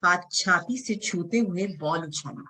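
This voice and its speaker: Slow-spoken woman reciting spoken word poetry. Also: on the low side, slightly rough, low-quality recording. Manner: dramatic, with big swings between soft and loud lines. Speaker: poet. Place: home, online event. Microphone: video call.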